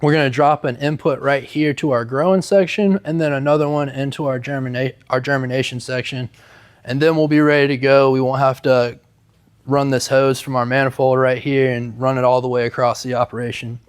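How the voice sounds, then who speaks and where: A man's voice: mid-range voice, steady tone, a little fast, clean tone. A young man giving a casual, upbeat walk-through tour in a laid-back way, talking like a vlogger. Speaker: small microgreen business owner giving a tour. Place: inside a large warehouse building.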